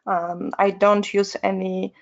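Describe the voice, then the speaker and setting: A woman from Poland, giving an online art webinar as a concept artist, explaining in an unhurried way with hesitant pauses. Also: mid-range voice, flat delivery, vocal fry. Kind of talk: webinar presentation. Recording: lo-fi webinar audio.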